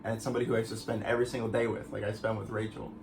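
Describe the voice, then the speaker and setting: Gravelly laid-back young man. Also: on the low side, level tone, very fast, darkish tone, slight background noise, poor audio. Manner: laid-back, rambling with restarts. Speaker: boyfriend guest. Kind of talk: casual chat.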